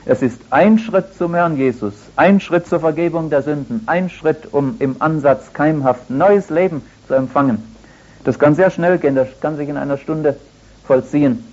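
An older man giving a sermon in a conversational way, with anecdotes and gentle humor. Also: on the high side, normal speed. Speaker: preacher. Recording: dull lo-fi radio recording.

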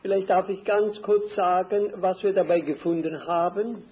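An older man preaching a sermon slowly and deliberately, repeating key phrases for emphasis. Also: sits high, fairly even intonation. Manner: slow, deliberate, emphatic repetition. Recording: tinny phone-like old recording.

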